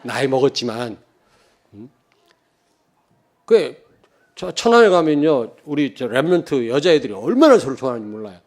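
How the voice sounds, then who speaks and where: A man in his fifties from Cheonan, preaching a sermon as pastor, joking and telling stories, swinging from loud emphasis to quiet asides and calling out to the congregation. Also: medium pitch, sing-song, moderate pace, long pauses. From Cheonan, South Korea. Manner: joking, anecdotal, calls out to the congregation.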